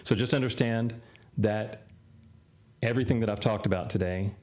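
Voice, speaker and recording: Low-voiced man losing his voice. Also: a little mellow. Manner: unhurried, loose, full of "uh" and "you know". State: losing his voice, frequently clearing throat. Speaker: crypto trading channel host. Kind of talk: casual screen-share walkthrough.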